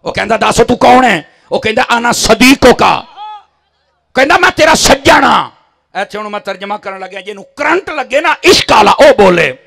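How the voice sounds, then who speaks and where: High, animated fiery Punjabi preacher man. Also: moderate pace, creaky. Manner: impassioned, swings from murmurs to shouted climaxes. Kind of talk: fiery Punjabi sermon to a crowd.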